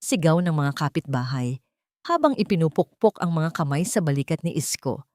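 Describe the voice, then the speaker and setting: A woman with a Filipino accent reads a scripted, sentimental romantic drama as a storyteller. Her voice is low-pitched and darkish, with lively intonation at a moderate pace, in a dry, clean studio recording.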